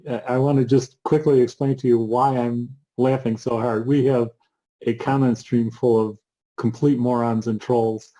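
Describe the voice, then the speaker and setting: A man co-hosting a casual book chat in a mellow, darker voice. He speaks with very little melody and keeps stopping on ums and uhs. Dry little asides come between the halting stretches. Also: mid-range voice, little pitch movement, rough recording. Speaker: co-host. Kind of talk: casual chat about books.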